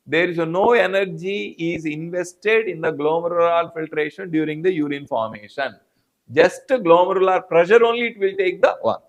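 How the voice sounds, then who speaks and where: A man's voice: a little high, moderate pace, highs cut off. A man with an Indian English accent teaching a live online biology class, repeating answers and calling on students by name. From South India. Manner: repetitive, addresses students by name.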